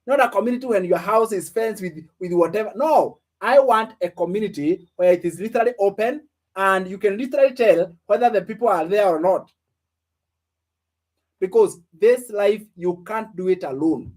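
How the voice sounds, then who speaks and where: An online business coach in his late twenties speaks at normal speed in a high, slightly mellow voice. His motivational lesson poses questions to listeners and repeats phrases for emphasis.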